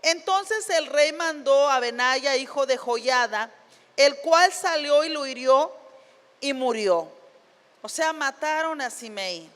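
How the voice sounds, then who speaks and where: High-voiced woman preaching slowly. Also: lively intonation, fairly bright tone. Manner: retells scripture in plain words, with frequent tag questions. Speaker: pastor. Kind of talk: sermon. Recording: long reverb of a church hall.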